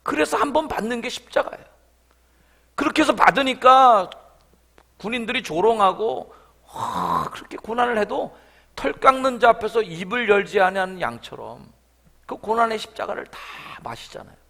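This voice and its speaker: A man's voice: sits high, big pitch swings, normal speed, vocal fry, sharp tone. A male pastor preaching at a revival meeting. He uses colloquial asides and acts out scenes as he goes. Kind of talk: revival sermon.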